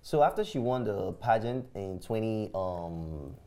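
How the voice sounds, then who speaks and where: A woman's voice: rumbling low, expressive, measured pace, mellow. A woman co-hosting a casual panel chat, playful and teasing as she tells stories. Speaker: co-host.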